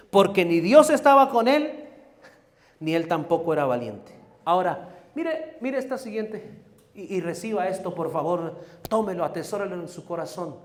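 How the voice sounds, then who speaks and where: A male pastor preaching an emphatic sermon and calling on the congregation to respond. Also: fairly high pitch. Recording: long hall reverb.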